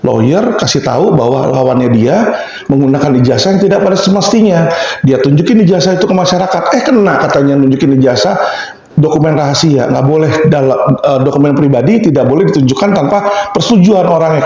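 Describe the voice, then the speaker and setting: A middle-aged man argues with force and animation, jumping into the voices of the people he quotes. His voice sits a touch high and gravelly. The sound is dull and boomy, as if caught in a strongly echoing room. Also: fast, darkish tone. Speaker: advocate, interview guest. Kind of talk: impassioned interview talk.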